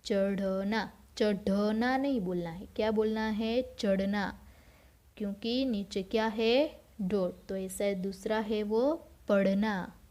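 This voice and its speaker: A schoolteacher, a woman, walks young pupils through a language lesson at an unhurried pace. Her voice is soft and mellow. She repeats each word and quizzes the class before giving the answer herself. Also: mid-range voice. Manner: slow, patient, repeats words and asks then answers her own questions. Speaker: school teacher. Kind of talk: recorded Hindi grammar lesson for children.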